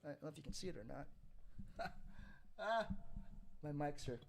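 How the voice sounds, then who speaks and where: A man's voice: fairly high pitch, lively intonation, moderate pace, gravelly, noisy background. A man chatting casually on a live stream, his voice run through an added reverb effect. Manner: chatty, rambling, self-correcting. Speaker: musician hosting a live Q&A stream. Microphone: studio condenser mic.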